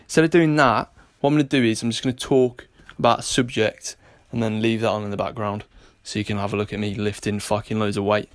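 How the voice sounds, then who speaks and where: A man's voice: on the low side, level tone, fast talker, hardly any pauses. A man with a British English accent, a vlogger and personal trainer, talking casually and bluntly to his viewers with plenty of swearing and jokes, partly from a gym. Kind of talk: casual vlog chat. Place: gym, indoors.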